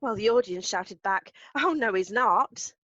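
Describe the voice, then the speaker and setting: A woman's voice: medium pitch, lively intonation, brisk, no room sound, close to an everyday voice. Earnest pantomime actress witness, played by a woman, in a dry, muffled recording. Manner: earnest storytelling testimony.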